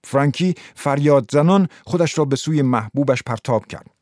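Man, story narrator, measured literary reading, dry close recording. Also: medium pitch, lively intonation, darkish tone, no room sound.

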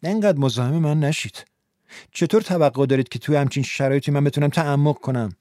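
A man voicing a brooding, scheming young male idealist in an audiobook, speaking in a low mutter. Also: mellow, dry recording, studio quality, close to an everyday voice. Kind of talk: audiobook character voice.

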